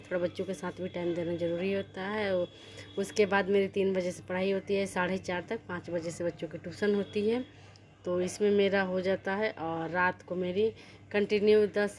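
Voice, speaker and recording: Flat-voiced Bihari Hindi woman vlogger. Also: mid-range voice. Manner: rambling, self-correcting, earnest. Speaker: vlogger studying for a teacher exam. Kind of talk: casual study vlog talk.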